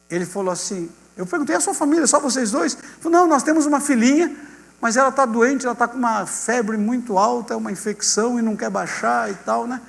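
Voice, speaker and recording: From the pulpit, a Brazilian-accented male pastor shares a testimony, animatedly acting out each person's lines and calling the congregation "gente." His voice is high for a man and a bit creaky, echoing with a long hall reverb over a low mains hum.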